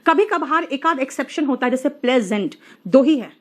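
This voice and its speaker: A woman teaching an English grammar lesson, coaxing her students and drawing out the example words slowly. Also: high voice, expressive.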